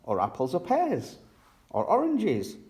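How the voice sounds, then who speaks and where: An eager little girl piglet from a picture book, as a male reader puts her on. The voice is lifted and very lively, with chirpy, excitable exclamations. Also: high voice, unhurried, voice pushed up, heavily acted. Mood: helpful.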